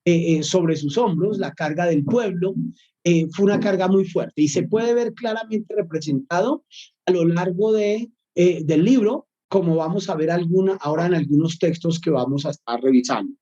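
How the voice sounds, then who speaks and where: A man's voice: sits high, normal speed, mellow, muffled recording. A male Bible course professor giving a recorded lecture, thoughtful and full of hesitations and fillers.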